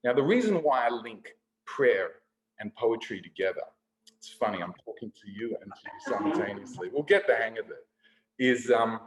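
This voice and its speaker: A man's voice: mid-range voice, lively intonation, moderate pace, echoey room, a little hiss or hum, rough recording. A man presenting a workshop, talking casually and performing rhythmic, rhyming spoken word poetry. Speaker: slam poet and presenter. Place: room, performing for a video call.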